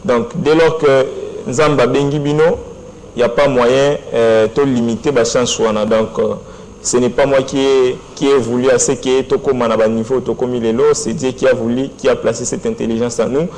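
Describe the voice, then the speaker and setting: A man's voice: medium pitch, steady tone, moderate pace, a little mellow, low-quality recording. A man with a Congolese accent speaking earnestly as a guest on a studio talk show. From Democratic Republic of the Congo. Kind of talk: studio interview, French and Lingala. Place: TV studio set.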